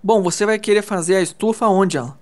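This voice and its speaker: A man's voice: high-pitched, fast, a little mellow. A man with a Brazilian Portuguese accent in casual gaming chat, playful and exclamatory, thinking aloud as he crafts. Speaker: gamer co-playing.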